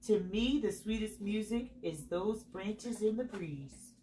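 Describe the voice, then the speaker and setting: A woman voicing a gentle, wise little cricket in a storybook, giving kindly, measured encouragement to an outsider. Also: medium pitch, expressive, a little hiss or hum. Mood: gently encouraging.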